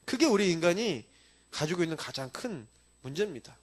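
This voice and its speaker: A man preaching a sermon as pastor, emphatic and lively, mixing in personal testimony. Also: high-pitched, brisk.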